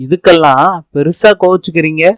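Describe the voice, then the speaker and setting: A man's voice: a little high, steady tone, a little fast, clear, resonant tone, no echo, close to an everyday voice. A man voicing a playful young wife who teases and orders her husband about, in a serial recap narration. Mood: teasing. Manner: teasing, bossy. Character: cheerful young woman, playful teasing wife.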